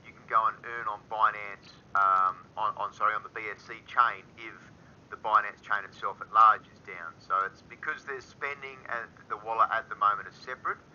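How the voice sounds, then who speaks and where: A man's voice: fairly low pitch, fairly even intonation, moderate pace, bright, forceful tone, dull audio, slight background noise. Laid-back man hosting a call. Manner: laid-back, calls people dude and mate. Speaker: community call host. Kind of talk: casual chat.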